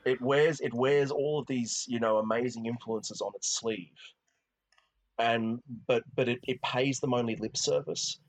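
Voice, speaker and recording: A man's voice: medium pitch, fairly even intonation, unhurried, low-quality recording. A man co-hosting a film podcast, talking casually and rambling, with many restarts and "you know"s. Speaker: podcast co-host. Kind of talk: casual film review chat.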